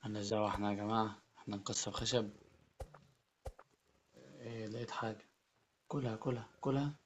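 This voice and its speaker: An excitable man with an Egyptian Arabic accent talks his way through a video game, doubling up words as he reacts. His voice sits fairly low, with a faint hiss of noise underneath. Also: fairly quick, creaky. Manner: excitable, repeats words and phrases. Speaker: gaming YouTuber. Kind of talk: Let's Play commentary.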